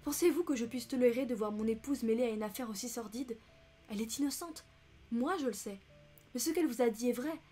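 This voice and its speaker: A woman's voice: fairly high pitch, fairly quick, mellow, husky, faint music behind. A woman voicing a proud, protective count who pleads earnestly and indignantly in an audiobook reading.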